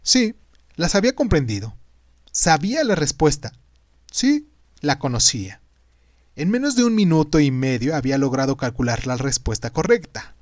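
A man hosting and narrating a scripted story in a dramatic, emphatic way with deliberate pauses. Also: on the high side, sing-song, a little mellow, no room sound, clean studio sound. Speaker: podcast host and narrator.

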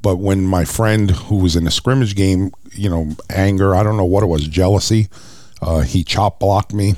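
A middle-aged former wrestler tells his life story in an interview. His voice sits low and sounds dry and close. He talks earnestly and livens up when he recounts what others said to him. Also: fairly even intonation, moderate pace, a little mellow, no room sound. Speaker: guest, former professional wrestler. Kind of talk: personal testimony in an interview.

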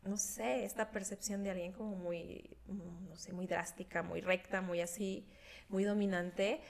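A woman's voice: mid-range voice, unhurried, gravelly. A young Mexican woman hosting a podcast, talking candidly and telling stories with laughter. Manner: candid, animated storytelling with laughs. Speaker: podcast host. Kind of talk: casual chat.

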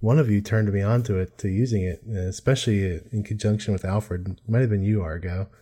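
Mellow, lowish-voiced male podcast host. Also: steady tone, fairly quick, breathy edge. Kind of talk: casual tech discussion.

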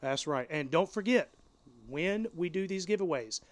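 A man's voice: a little high, expressive, normal speed, no echo. A man co-hosting a casual podcast, upbeat and reading out giveaway details. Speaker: podcast co-host.

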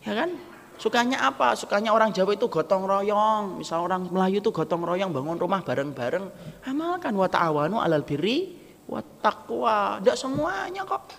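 A man's voice: sits high, normal speed. A man preaching a humorous sermon, acting out little dialogues as he jokes with the crowd. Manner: lively, joking, acts out quoted dialogue. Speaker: Islamic preacher. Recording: gravelly voice with long hall reverb, faint background noise.

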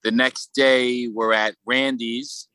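A man speaks in a Brooklyn accent with a bright, slightly hard-edged voice at an average pitch. He talks casually as an interview guest, rambling and restarting as he thinks aloud. The sound is dry, with little room in it. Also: level tone, smooth, no echo. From Brooklyn, New York. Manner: halting, rambling, peppered with "you know". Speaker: podcast guest, sculptor.

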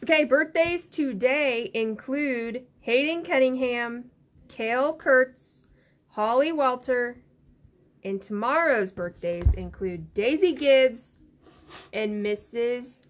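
Slow-talking woman reading school announcements. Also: a little high. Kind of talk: casual morning announcements.

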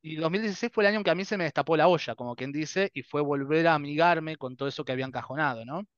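A man's voice: a little high, very fast, fairly bright tone, clean tone, no echo, muffled recording. A man in his thirties with a Rioplatense Spanish accent, telling his story as a guest in a casual interview, acting out dialogues and laughing often. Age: 30s.

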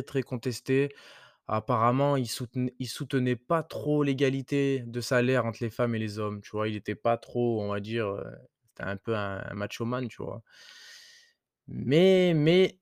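A man's voice: mid-range voice, steady tone, a little slow, darkish tone, smooth, no room sound, clean studio sound. A man hosting a casual motivational podcast, talking loosely with crude slang and many hesitations. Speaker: podcast host.

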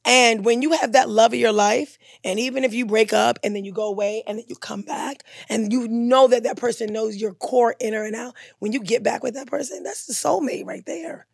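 A young woman who bartends and co-hosts a casual podcast about bar life chats away in a slightly high, slightly fast, creaky voice with few pauses. She gushes, repeats herself and keeps restarting her sentences. The sound is clean studio quality with no echo.

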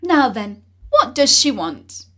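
A storybook talking fish that answers shortly and calmly, voiced by a woman reading aloud. The voice sits high and moves widely in pitch. It speaks slowly and gives little away. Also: full character voice. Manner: short, matter-of-fact replies. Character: magical talking fish, calm and curt.

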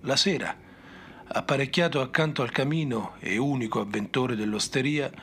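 A man narrating a fantasy story in a measured, dramatic reading. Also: mid-range voice, fairly bright tone, a little hiss or hum. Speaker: audiobook narrator.

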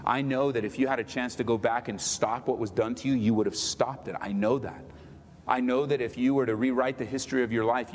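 A middle-aged male pastor preaching a sermon, swinging between loud pleading and quiet tender talk. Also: lowish voice, in a large hall, a little hiss or hum.

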